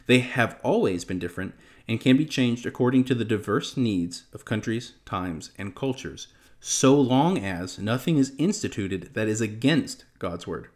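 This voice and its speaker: Earnest man teaching from a home study. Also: on the low side. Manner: earnest and conversational, with fillers, restarts and emotional pauses. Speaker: Bible teacher. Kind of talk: casual teaching to camera, reading scripture aloud. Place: small home study with bookshelves, indoors.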